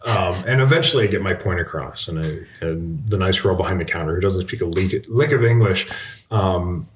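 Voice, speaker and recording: Male podcast host, very low voice, casual storyteller. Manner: chatty travel anecdotes with detours.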